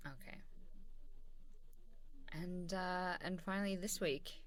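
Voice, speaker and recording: Taking it slowly in a fairly low voice, a woman plays an easygoing, warm boss giving a praising review. Her tone is reassuring and encouraging in this soft, one-sided ASMR role-play, casual throughout and punctuated by hesitant chuckles between phrases.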